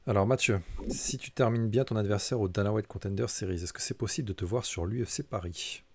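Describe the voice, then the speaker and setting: Male co-host, slightly low voice, relaxed conversational delivery for a casual question-and-answer livestream. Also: a little fast. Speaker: co-host reading out viewer questions.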